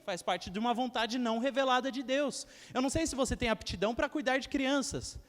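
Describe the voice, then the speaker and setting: A young male preacher with a strikingly high voice gives a sermon. He tells stories and acts out short quotes, addressing the congregation directly. His voice rings with a long church reverb. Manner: storytelling with acted quotes and asides to the congregation.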